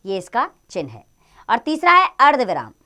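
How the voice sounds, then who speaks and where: Lively woman teaching a grammar lesson. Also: fairly high pitch, normal speed. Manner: lively, sing-song teaching voice, stretches key words.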